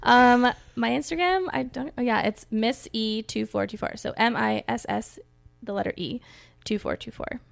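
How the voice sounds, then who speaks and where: A woman's voice: fairly high pitch, moderate pace, creaky, no echo. A woman guesting on a podcast, chatting in a playful, giggly way. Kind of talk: casual interview chat.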